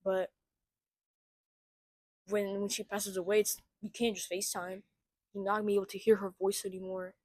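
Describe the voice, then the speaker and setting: A woman's voice: mid-range voice, little pitch movement, moderate pace, long pauses, no room sound, low-quality recording. A young woman, a podcast guest, chatting casually and filling her talk with "like". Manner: chatty, full of fillers.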